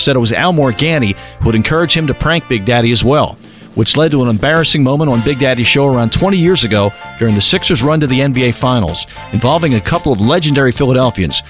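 A man narrating a scripted news feature. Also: medium pitch.

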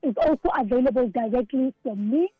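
A woman's voice: a little high, brisk, husky, dry recording, phone-quality sound, soft background music. A South African woman, an author being interviewed on the radio, talking earnestly and often repeating words as she thinks. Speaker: author and guest.

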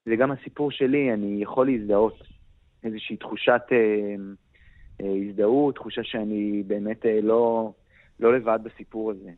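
A middle-aged man with a lowish voice answers slowly and thoughtfully, filling his pauses with hesitant sounds. The sound is thin and phone-like, with a dry, close feel. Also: steady tone, no echo. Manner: hesitant, many pauses and fillers. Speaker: interview guest, author. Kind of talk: reflective interview answers.

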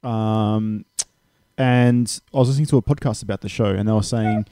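A man's voice: on the low side, steady tone, moderate pace, mellow, no echo, clean studio sound. A man chatting as a guest on a casual podcast, telling stories and swearing casually.

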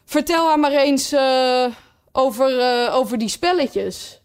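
Bossy male griffin, brusque, scolding, loud and high-pitched, as a woman reads him. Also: lively intonation, slow pace, slight background noise, exaggerated voice. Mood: impatient. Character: impatient gruff male griffin.

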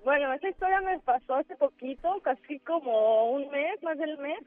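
A woman caller with a Mexican accent, haltingly telling a ghost story over the phone and mimicking noises. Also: sits high, no room sound. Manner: halting, with filler words and sound effects. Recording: tinny phone line with faint music.

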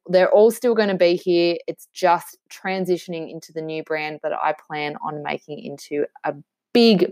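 A woman's voice: low voice, a little mellow, no echo. An Australian woman in her thirties hosting a podcast, chatty and upbeat, introducing her guest with a few fillers and self-corrections. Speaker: podcast host.

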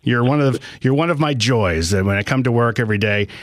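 A man's voice: mid-range voice, a little fast, no echo. A middle-aged man hosting a casual radio call-in show from a studio, rambling and hesitant as he chats. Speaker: radio talk show host. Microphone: close studio microphone.

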